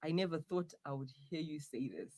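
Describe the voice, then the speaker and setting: A man's voice: on the high side, animated, fairly quick, warm tone. A man playing a young man trapped in his girlfriend's body, whiny and prone to dramatic outbursts, in a comic audio drama. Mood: grumbling.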